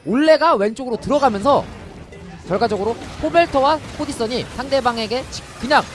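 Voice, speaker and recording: High-pitched, rapid-fire male esports caster. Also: background noise. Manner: excitable, repeats phrases urgently. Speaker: esports commentator. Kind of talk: esports caster commentary on a live game.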